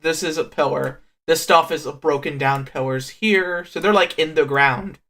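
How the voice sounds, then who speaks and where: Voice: mid-range voice, moderate pace, fairly bright tone. A game master talking through a voice changer, running a tabletop game and asking players for dice checks. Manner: instructive, asks for dice checks.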